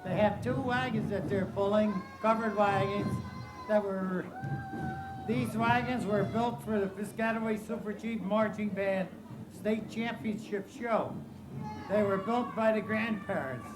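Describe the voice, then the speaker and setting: A man's voice: sits high, steady tone, unhurried. A man announcing a town parade outdoors in the rain, folksy and hesitant with many fillers. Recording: noisy outdoor community TV recording.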